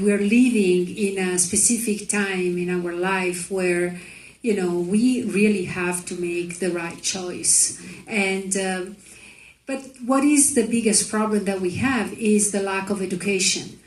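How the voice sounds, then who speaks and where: A woman's voice: mid-range voice, slow pace. A woman who produced the film, answering on a panel in a hesitant way, searching for words. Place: festival screening room. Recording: echoey room with faint noise.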